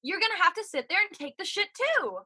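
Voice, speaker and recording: Ranting high-voiced young woman, animated. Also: a little fast. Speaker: podcast co-host. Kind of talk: casual podcast chat.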